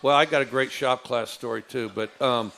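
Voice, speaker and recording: Low and gravel-edged, a man who coaches football rambles through his anecdotes at a relaxed pace. He trips over lots of fillers and starts sentences over as he talks.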